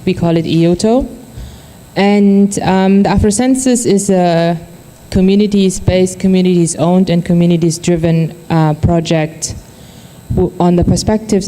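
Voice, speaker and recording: A woman's voice: on the low side, dark tone. A woman who grew up in Germany, presenting a research project at a conference, with many fillers and restarts. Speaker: conference panel speaker.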